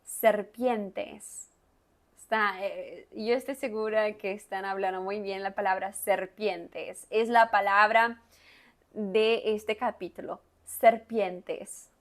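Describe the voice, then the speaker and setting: Woman language teacher, unhurried and careful, repeats words and leans hard on each sound for learners to copy. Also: mid-range voice, fairly even intonation, fairly bright tone. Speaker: Spanish teacher. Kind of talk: guided reading lesson with pronunciation drills.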